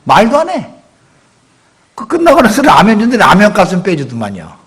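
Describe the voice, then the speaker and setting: A middle-aged man preaching a sermon as pastor, talking conversationally and acting out quotes with sudden loud outbursts. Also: sits high, wildly swooping pitch, normal speed. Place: church sanctuary.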